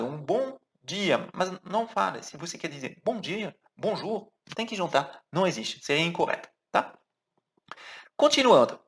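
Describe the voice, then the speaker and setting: A man with a French accent gives an online language lesson. His pitch moves a lot, rising and falling as he stresses points. He explains patiently and says key words slowly so learners can follow. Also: a bit bright. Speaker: French teacher.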